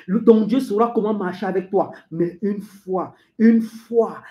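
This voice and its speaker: This is a preacher in full sermon mode, speaking directly to a beloved listener. The voice jumps from loud, high shouting down to quiet, low murmurs. Lines are hammered home through repetition. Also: moderate pace, dull audio. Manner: swings between shouting and hushed low speech.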